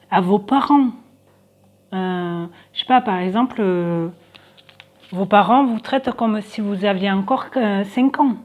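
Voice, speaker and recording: A woman's voice: mid-range voice, narrow, tinny audio. A woman doing a casual tarot card reading for viewers, thinking aloud with many hesitations.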